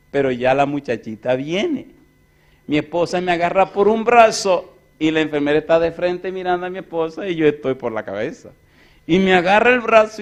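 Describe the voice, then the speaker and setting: A male pastor preaching a sermon through a lively, joking personal anecdote, acting out the other people in it. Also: on the high side. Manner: lively, jokey anecdote-telling; acts out other people's voices. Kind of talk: storytelling sermon.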